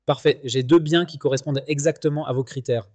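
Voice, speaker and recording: A chirpy, cheerful robotic-sounding male voice agent answers the phone in an upbeat, formulaic way. His voice sits a little high. The sound is dry and close, with no room around it. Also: fairly even intonation, a little fast, a little mellow, dry recording. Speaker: real estate phone receptionist. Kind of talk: scripted phone customer service.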